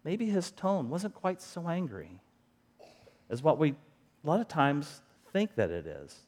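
A man's voice: fairly high pitch, wildly swooping pitch, unhurried, darkish tone. A middle-aged man preaching a sermon as a pastor, talking in a conversational way and often asking the congregation rhetorical questions.

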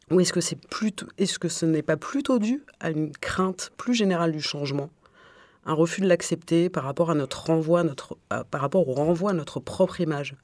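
A man reading an opinion column on the radio in a measured, rhetorical way, with a few restarts mid-sentence. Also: a little high, darkish tone, no echo. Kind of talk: read-aloud opinion column.

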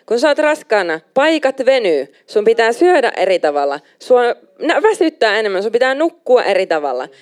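A young adult woman preaching a sermon, emphatic and animated, slipping in English phrases now and then. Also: a little high, few pauses, clean tone.

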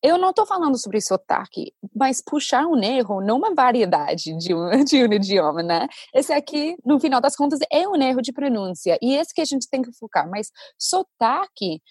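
Brazilian woman, husky, higher voice, chatty, animated, dry sound. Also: dry recording. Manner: animated, talks fast with many fillers. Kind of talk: casual chat.

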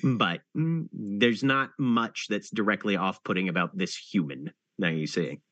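A man with a fairly low voice runs a tabletop game as its storyteller. He narrates slowly, filling the gaps with thoughtful hums. His voice sounds dry and close, with no room echo. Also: fairly bright tone, muffled recording. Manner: unhurried, with many thinking pauses. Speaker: game master.

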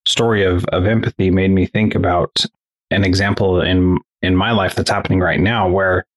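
A man hosting an interview podcast, asking thoughtful, measured questions and sharing about his own family. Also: sits low, steady tone. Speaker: podcast host. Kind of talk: conversational interview.

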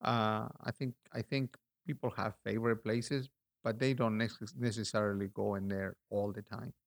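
Speaking low with vocal fry, a middle-aged Peruvian artist gives a relaxed interview, pausing to reflect and restarting often.

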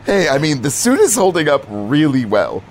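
A man narrating as game master, calmly describing scenes and calling for dice rolls. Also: on the high side, a little hiss or hum. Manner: calm, descriptive scene-setting with soft pauses. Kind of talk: narrating a tabletop game over music. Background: loud background music.

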